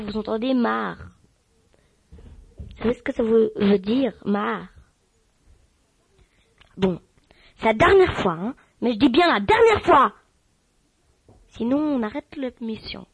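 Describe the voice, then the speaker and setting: A woman's voice: on the high side, expressive, slow pace, creaky, pauses often, breathy edge, no room sound, rough recording. A woman hosting a mock radio show in an improvised comic sketch, scolding and swearing with many "hein" fillers.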